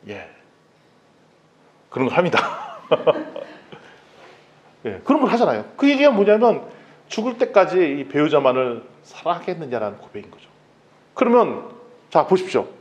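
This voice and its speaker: A man's voice: on the high side, measured pace, pauses often. A man preaching a sermon as pastor, telling stories and acting out quoted dialogue. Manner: lively storytelling, acts out quoted dialogue.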